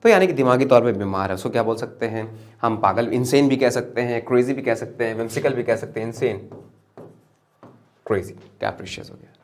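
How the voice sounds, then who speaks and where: A young man with an Indian English accent teaching vocabulary with memory tricks. He talks in lively swings between high emphatic lines and low murmured asides. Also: fairly quick.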